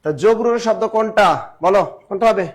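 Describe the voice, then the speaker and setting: Quick-joking grammar teacher, man. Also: sits high. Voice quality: sings snatches of songs in class. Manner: urges students to answer fast, jokes and complains between questions. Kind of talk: live online exam-prep class.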